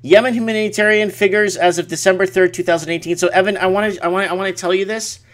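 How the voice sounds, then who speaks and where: A man's voice: sits high, steady tone, fast talker. A man hosting a casual late-night live stream, speaking emphatically and repeating words for effect. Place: small home office at night.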